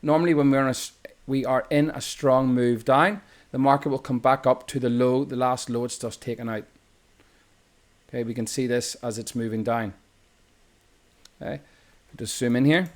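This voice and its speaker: A man's voice: mid-range voice, steady tone, normal speed, pauses often. An Irish man talks through a trading chart lesson in an ordinary mid-range voice. He explains in a loose, unscripted way, restarting phrases and correcting himself mid-sentence. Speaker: trading instructor. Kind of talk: screen-recorded chart tutorial.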